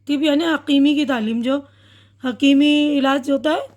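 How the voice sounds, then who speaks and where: A woman teaching a class lesson in a high, light voice. She explains patiently, repeats key words, corrects small slips and checks that her students follow. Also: darkish tone.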